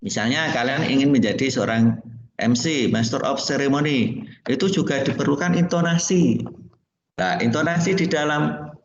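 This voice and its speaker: A man's voice: mid-range voice, normal speed, a little hiss or hum. A male music teacher from Indonesia giving a classroom lesson, explaining plainly, sometimes singing solfège notes and asking the class questions. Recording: dull echoey classroom recording.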